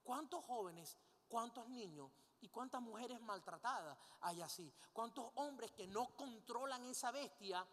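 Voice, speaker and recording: A woman's voice: a little high, expressive, a little slow. Woman preacher in a reverberant hall. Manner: asks the congregation frequent rhetorical questions; leads the congregation in call-and-response. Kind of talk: sermon.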